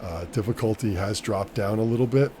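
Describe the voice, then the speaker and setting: Guy with a lowish voice just rambling on his vlog, matter of fact, noticeable noise behind him. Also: fairly quick. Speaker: vlogger, small-scale crypto miner. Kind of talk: casual off-the-cuff solo chat. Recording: clear steady background noise.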